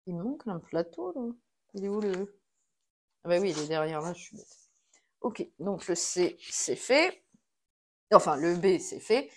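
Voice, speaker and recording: A woman with a mid-range voice plays a solo board game, placing cards and counting pieces aloud in a casual running commentary to herself.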